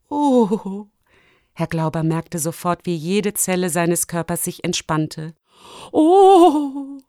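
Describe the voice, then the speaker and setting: A woman reading a children's storybook aloud in a calm, even, deliberate manner. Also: fairly low pitch, no room sound, studio quality. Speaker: audiobook reader.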